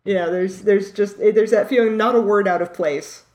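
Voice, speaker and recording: Mid-pitched woman in casual book talk. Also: steady tone, normal speed, darkish tone. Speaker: podcast co-host. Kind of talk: casual literary discussion.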